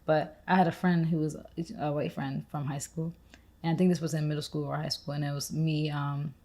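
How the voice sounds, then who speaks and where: A young woman co-hosts a podcast in a loose, rambling conversational style. Her voice sits low and sounds soft and mellow rather than bright. She strings her thoughts together with frequent "like"s. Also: little pitch movement, a little fast. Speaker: podcast co-host. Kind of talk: casual conversational chat.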